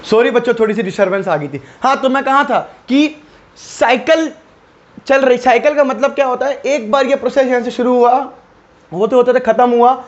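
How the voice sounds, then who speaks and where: A man with a very high voice gives an online biology lesson in a chatty, informal way. He keeps firing questions at his students and answers them himself. The recording sounds dull and lo-fi. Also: fairly quick. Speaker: biology teacher. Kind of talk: online lecture.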